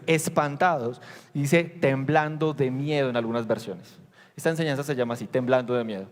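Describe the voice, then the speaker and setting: A male pastor with a slightly higher voice preaches a sermon to his congregation, recorded amid the long, ringing reverb of a church hall. He tells the story with animation, acting out the disciples' lines and putting questions to his listeners.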